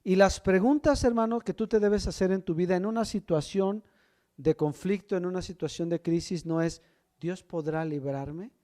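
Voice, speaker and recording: Preaching man with dramatic hushed drops. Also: normal speed. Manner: dramatic swings between loud emphasis and hushed low lines; asks the congregation questions, addresses them as brother. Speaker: pastor. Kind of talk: sermon.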